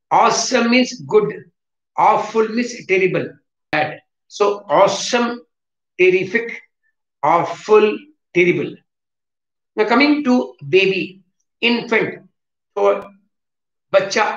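A man, teaching vocabulary in a slow, repetitive way and switching into Hindi to explain. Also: sits high, fairly bright tone. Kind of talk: classroom lesson on vocabulary. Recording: echoey room, dull lo-fi sound.

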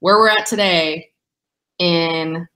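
Woman cohosting a webinar, excited and upbeat, kinda low voice, chatty. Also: slow pace. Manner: excited, upbeat, says she is yelling. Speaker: webinar co-host. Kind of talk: casual webinar talk.

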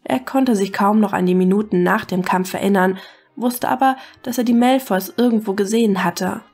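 A woman reading fan fiction aloud as a steady, even storyteller. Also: mid-range voice, normal speed, husky. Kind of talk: scripted narration.

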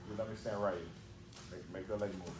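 A man's voice: on the low side, fairly even intonation, a little fast. A man coaching judo in a large gym, calling short commands and repeating cues. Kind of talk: hands-on coaching. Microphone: camera on the floor. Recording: echoey gym with background noise.

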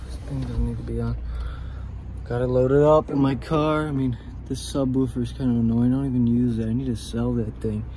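A man's voice: mid-range voice, steady tone, brisk, mellow. Young man vlogging casually over background noise. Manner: slangy, lightly swearing, thinking aloud. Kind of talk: casual vlog talk to camera. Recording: clear background noise, handheld vlog recording.

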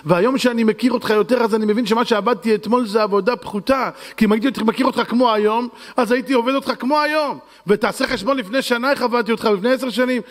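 High-voiced rabbi in a reverberant hall. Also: male voice, hardly any pauses. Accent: Israeli. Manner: acts out dialogue in shifting voices, shouting and laughing. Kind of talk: animated Torah lecture with acted-out story.

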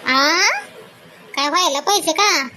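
A woman's voice: high-pitched, slow pace, sharp tone, slight background noise, full character voice. A woman playing a suspicious, dramatic wife in a comic skit, nagging and accusing. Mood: nosy.

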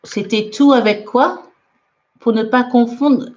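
A woman's voice: fairly high pitch, slow pace, darkish tone. A woman teaching English in a live online lesson, reading out viewers' comments and correcting them in a chatty way with frequent laughs, mixing French and English. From France. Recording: dull lo-fi livestream audio.

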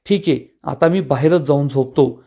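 Man voicing a stubborn young husband, teasing, coaxing, mellow tone. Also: a little high, normal speed, creaky, voice pushed down.

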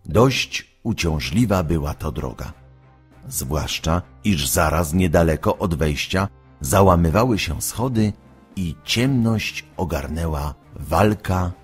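A man with a husky voice narrating a storybook slowly and expressively. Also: deep voice, soft background music. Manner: slow, expressive reading.

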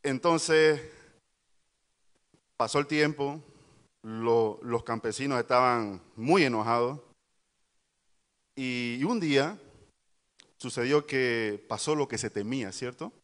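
Man, pastor, youth sermon, storytelling, quizzes listeners, reverberant hall. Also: mid-range voice. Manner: lively, quizzing the congregation.

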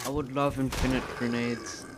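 Man, co-player, laid-back, teasing, loud gunfire behind. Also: medium pitch, flat delivery, normal speed, noisy background. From Australia. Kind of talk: casual let's play chat. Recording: game audio with loud gunfire.

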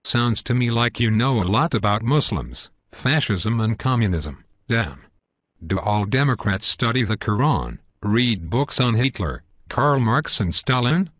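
A man's voice: medium pitch, expressive, measured pace, a bit bright, dry recording, clean studio sound. A synthetic male voice playing a smug, belligerent parody news anchor in a scripted cartoon newscast, stiff and pompous. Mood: accusing.

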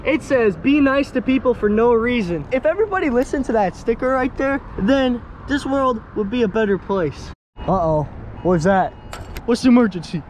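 An excitable young man hosting an outdoor vlog, laughing and joking as he films himself with an action camera beside a busy road. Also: very high-pitched, moderate pace. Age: young adult. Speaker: host. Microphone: action camera, chest mount or held at arm's length. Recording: outdoor camera audio with traffic noise. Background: traffic and outdoor noise.

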